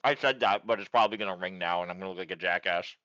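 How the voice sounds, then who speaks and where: A man chatting casually while playing a cooking game with friends, joking in a dry, mock-deadpan way. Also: low-pitched, very fast, no room sound, highs cut off. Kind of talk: casual gaming chat.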